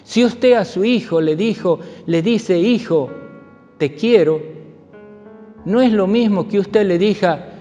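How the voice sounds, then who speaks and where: A man's voice: high-pitched, unhurried, hardly any pauses, dark tone, soft background music. A man preaching a sermon as pastor, telling stories and repeating key phrases for emphasis. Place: church sanctuary. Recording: dull recording with long church reverb.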